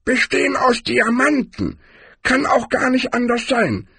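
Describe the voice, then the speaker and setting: A grizzled old barbarian in a storybook, boastful and lecturing, pitched far up in a thin, strained register with a husky edge. His voice swoops widely as he holds forth, close and dry. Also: animated, unhurried, sharp tone, dry recording, heavily acted.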